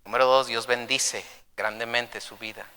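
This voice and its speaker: Brief: fervent male pastor, bright, ringing church sound. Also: medium pitch, steady tone, normal speed, clean tone, big-room sound. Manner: impassioned, dramatic storytelling. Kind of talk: sermon.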